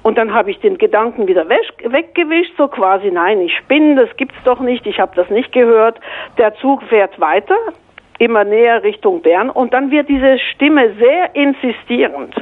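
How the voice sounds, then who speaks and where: A woman, calling in and telling a story in a lively way, acting out the voices and thoughts of the people in it. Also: fairly high pitch, moderate pace. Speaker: caller. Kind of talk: phone-in storytelling. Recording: tinny phone line.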